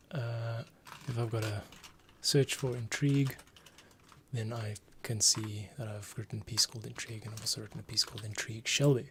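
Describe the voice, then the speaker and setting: A composer shows off his workflow on a casual livestream, muttering and thinking aloud as he works. His voice sits on the low side and is a bit bright. The room is clearly noisy, with typing, keyboard clicks and general background noise.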